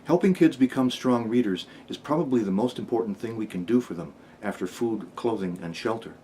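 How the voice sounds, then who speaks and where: A man delivers scripted public-information narration. His voice is on the low side. Noise is clearly audible in the recording. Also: fairly quick, mellow. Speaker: library announcer.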